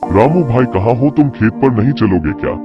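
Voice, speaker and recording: A man's voice: medium pitch, animated, brisk, natural voice. Friendly village farmer played by a man, muffled recording. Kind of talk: cartoon story dialogue. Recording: dull lo-fi, music behind.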